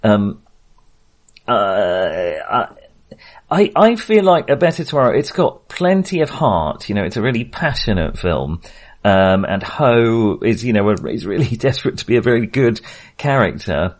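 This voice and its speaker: A film podcast host with a lowish, very animated voice talks at a measured pace in a casual discussion about movies. He thinks aloud hesitantly, correcting himself as he goes.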